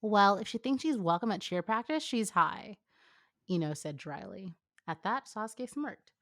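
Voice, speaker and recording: A woman's voice: medium pitch, expressive, moderate pace, a bit bright, no room sound, studio quality. A woman co-hosting a casual fan fiction read-aloud, joking and breaking off into chatty, informal commentary. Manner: informal, joking, goes off on tangents.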